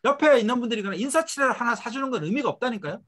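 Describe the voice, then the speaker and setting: A middle-aged man runs a network marketing motivational seminar, animated and rapid-fire in delivery. He speaks with emphasis and asks rhetorical questions, with tag phrases slipping off low and quiet.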